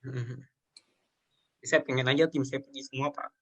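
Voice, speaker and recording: Earnest and now and then near tears, a young man on a show talks emotionally about his life and work, frequently saying "sir" to the listener. He has a mid-range, fairly bright voice, fairly even intonation and a normal speaking speed.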